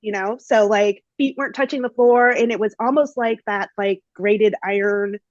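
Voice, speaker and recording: A woman's voice: medium pitch, steady tone, moderate pace, no echo, muffled recording. A woman hosting a podcast, telling a story in a casual, chatty way with lots of fillers. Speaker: podcast host.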